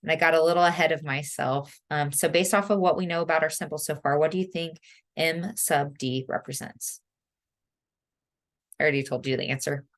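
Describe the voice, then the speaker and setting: A woman's voice: deep voice, steady tone, brisk. A woman lecturing online as a college statistics instructor, chatty, with frequent ums and self-corrections.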